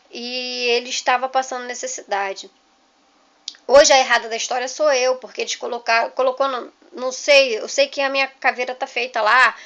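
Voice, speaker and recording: A woman's voice: a little high, a bit bright, lo-fi sound. A young woman with a Rio de Janeiro accent telling her life story in a casual, emotional, rambling way, full of restarts and "entendeu?". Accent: Rio de Janeiro Portuguese.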